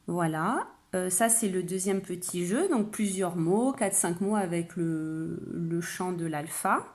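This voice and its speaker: A woman, a kindergarten teacher, calmly explaining a phonics game to parents and stretching out example words. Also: fairly low pitch, slow. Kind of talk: home-schooling phonics lesson for parents.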